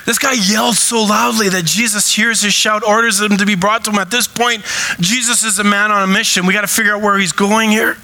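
Male pastor, sermon, high pitch, very bright tone, animated, bursts into shouted cries. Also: brisk, rough recording.

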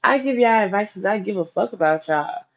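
A woman's voice: medium pitch, animated, a little fast. A woman giving blunt, sassy, profanity-heavy advice in a casual vlog rant. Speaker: advice vlogger. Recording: dull lo-fi recording.

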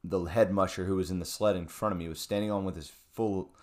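Deep-voiced man telling a story. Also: quick pace. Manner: animated storyteller, many fillers and restarts. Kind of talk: casual chat.

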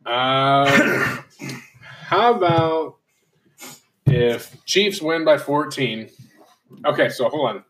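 A man's voice: fairly high pitch, expressive, very slow, pauses often, a bit bright. Crude laughing man talking sports picks. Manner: crude joking, laughs often, fires off trash talk. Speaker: podcast co-host. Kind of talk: casual profane sports chat. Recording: distant mic, faint background noise.

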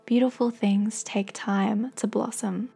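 A woman with a soft, breathy voice gently and slowly guiding a meditation in soothing, encouraging scripted narration. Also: medium pitch, steady tone, soft background music. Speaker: guided meditation host.

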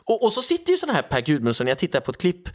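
A man's voice: high-pitched, wildly swooping pitch. A man ranting sarcastically in casual political chat, mocking others with put-on voices.

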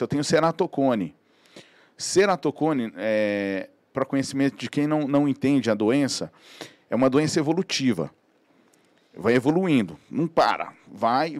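Male guest, expressive storyteller, wide-ranging pitch. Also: dry recording. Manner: animated, acts out quoted dialogue. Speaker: podcast guest. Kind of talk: casual storytelling chat.

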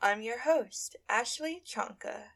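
A woman's voice: on the high side, expressive, slow pace, creaky, a bit bright, no echo, clean studio sound. A woman host reading a scripted welcome to open her podcast, in a friendly greeting manner.

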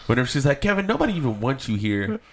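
A man's voice: medium pitch, very animated, very fast. A man co-hosting a podcast, teasing his friends and quoting movie lines. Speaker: podcast co-host. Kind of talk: casual chat.

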